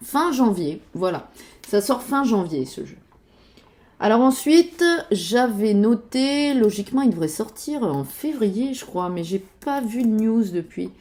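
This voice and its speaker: A woman's voice: a little high, lively intonation, a little slow, warm tone. A woman chatting casually about board games while searching websites, hesitating with many fillers and muttering to herself. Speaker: board game youtuber.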